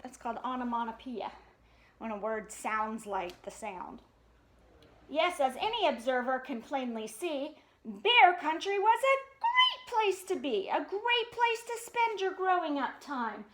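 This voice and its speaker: A woman with a very high, animated voice reads a children's picture book aloud in a sing-song, expressive way, adding chatty asides and pausing to question her young listeners. The recording is roomy and echoey.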